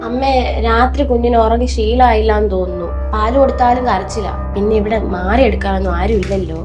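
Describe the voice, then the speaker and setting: A woman's voice: on the high side, fast, over music, close to an everyday voice. An actress in a short film drama, playing a weary young mother who pleads with her mother-in-law. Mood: aggrieved. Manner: pleading, aggrieved. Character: young new mother, exhausted and hurt. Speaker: daughter-in-law.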